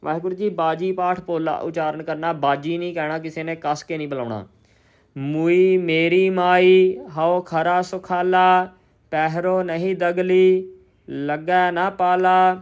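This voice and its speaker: Slow, smooth-voiced man reciting scripture. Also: sits high, steady tone. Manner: chants verses slowly and evenly, then explains pronunciation briskly.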